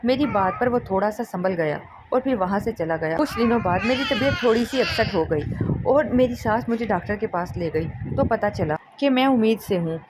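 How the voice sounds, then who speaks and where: A woman narrating a dramatic first-person story with emotion. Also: medium pitch. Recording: steady background noise.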